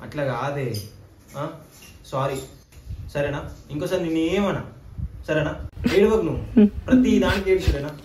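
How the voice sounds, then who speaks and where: A man plays a grumbling son and husband in a village comedy sketch, speaking in a high voice. He sounds far from the mic in an echoey space, with clear background noise. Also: moderate pace, long pauses. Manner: grumbling, pleading.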